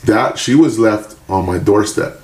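A man's voice: on the low side, measured pace, a little mellow. A man in casual podcast chat, swearing freely and telling loose stories. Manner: loose, profane, storytelling. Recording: roomy echo, faint hiss.

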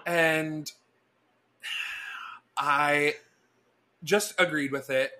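Young guy on a podcast, bright lively voice, telling a story and doing the other people's lines. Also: mid-range voice, moderate pace. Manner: animated, chatty, acts out dialogue. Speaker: podcast co-host. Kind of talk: casual storytelling chat.

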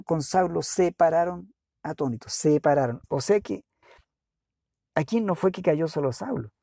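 Gravelly-voiced man preaching a sermon. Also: dark tone, no room sound, clean studio sound. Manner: earnest preaching with dramatic pauses, speaks to the congregation directly; acts out quoted lines with lifted pitch and slowed pace.

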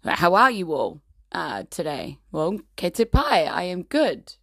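A New Zealand woman in her thirties talks in a low, croaky voice full of fry. She is hoarse and rambles casually as a host chatting to her followers. The sound is dry, with very little room in it. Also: sing-song, unhurried, fairly bright tone, dry recording. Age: 30s. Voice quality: croaky, gravelly. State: hoarse, voice nearly gone from partying. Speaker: host of a personal episodic show.

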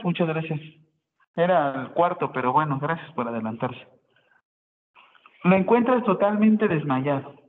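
A man walks his class through a nursing procedure. He explains step by step, asks rhetorical questions and corrects himself along the way. The sound is thin and phone-like, with a long hall echo and faint background noise. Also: sits high. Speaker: nursing student presenting. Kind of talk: classroom presentation. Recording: tinny phone-line sound in echoey hall.

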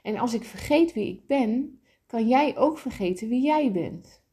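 A kind and wise soul who speaks with patient tenderness, as a woman reads the part aloud. The voice is warm and slightly husky, and it rises and falls in lively swells. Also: fairly high pitch, measured pace, voice pushed up, full character voice. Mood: gentle. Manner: gentle, patient explaining.

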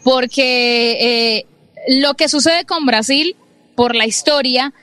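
A woman giving measured sports commentary on radio, restating her points as she builds them. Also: sits high, sharp tone, no room sound. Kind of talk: analytical commentary.

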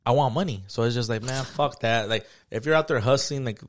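A man, co-hosting a casual podcast chat, telling stories in a profane, slangy, animated way. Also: medium pitch, a little fast. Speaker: podcast co-host.

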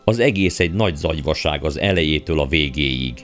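A man's voice: extremely low pitch, expressive, soft background music. A man voicing a bold, outspoken young girl in an audiobook, speaking bluntly. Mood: exasperated. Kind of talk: audiobook character voice.

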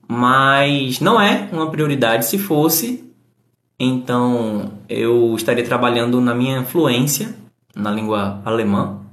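A man's voice: mid-range voice, slow, fairly bright tone, reverberant. A man giving a casual live-stream English lesson, answering chat comments and explaining grammar patiently.

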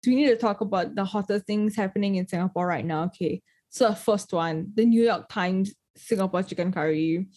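A young adult woman with a lisp hosting a podcast, chatting in a lively, expressive way with quick asides. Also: mid-range voice. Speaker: podcast host. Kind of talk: casual chat.

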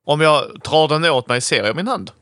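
A man playing a tabletop role-playing game, excitable, swearing and laughing with the group. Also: fairly high pitch, no room sound, clean studio sound. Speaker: player. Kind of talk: casual tabletop play.

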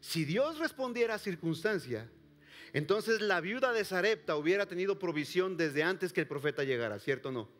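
A man preaching a sermon to a congregation, swinging from loud calls to hushed near-whispers and asking the listeners direct questions. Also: sits high, animated, moderate pace. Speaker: pastor. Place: church service before a congregation.

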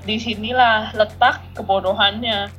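A woman in her thirties telling a childhood story as a podcast co-host, animated and laughing often. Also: medium pitch, a little slow, faint music behind. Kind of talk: casual storytelling chat.

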